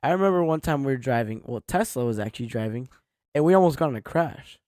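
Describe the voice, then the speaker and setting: A man's voice: medium pitch, lively intonation, quick pace, a little mellow, dry recording, studio quality. A young man co-hosting a podcast, laughing easily and filling his talk with "like" in casual chat. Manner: giggly, easily amused, says "like" a lot. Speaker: podcast co-host.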